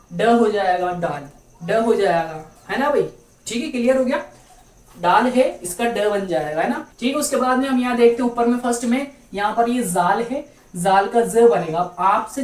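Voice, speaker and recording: A woman's voice: mid-range voice, a little mellow. Female patient teacher, roomy distant sound. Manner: patient, repeats each letter slowly with frequent "theek hai". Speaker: Urdu teacher. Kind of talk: online language lesson. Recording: roomy, distant mic with faint background noise.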